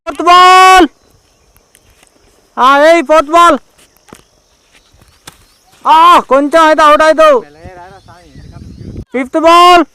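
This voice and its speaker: Very high-pitched Telangana male cricket commentator. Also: slow pace, long pauses, pushed and bright, no room sound. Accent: Telangana Telugu. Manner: exclamatory, often repeats calls. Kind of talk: informal ball-by-ball commentary.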